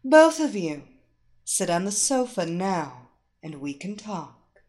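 A woman playing a commanding female hypnotist, very slow, lilting melodic voice, soothing and seductive. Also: on the low side, very animated, darkish tone, voice pushed down. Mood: teasing. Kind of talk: erotic audio story acting.

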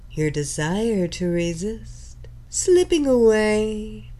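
A woman voicing a commanding, possessive female hypnotist, with a sultry, hypnotic voice and slow, drawn-out repeated commands. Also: a little high, dark tone. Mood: coaxing. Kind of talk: hypnosis story reading.

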